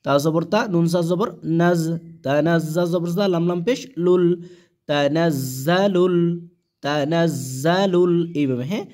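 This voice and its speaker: A male Quran reading teacher with a Bangladeshi Bengali accent, spelling out each letter and vowel mark and then reciting the words slowly, often asking and answering his own questions. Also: a little high, darkish tone.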